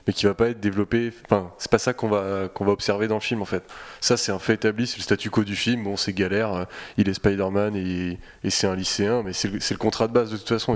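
A man in a casual film discussion, speaking informally and often repeating words as he goes. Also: fairly low pitch.

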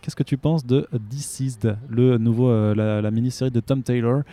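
A man's voice: medium pitch, steady tone, moderate pace, dark tone. A man from France co-hosting a podcast, chatty and rambling with frequent restarts. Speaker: podcast co-host. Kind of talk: casual podcast chat.

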